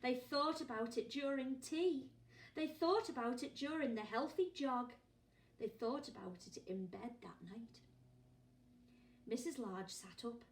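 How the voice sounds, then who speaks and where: A primary teacher with a voice on the high side reads a picture book to young children at an unhurried pace. She asks them questions and gasps and whispers expressively. The distant microphone gives a roomy echo.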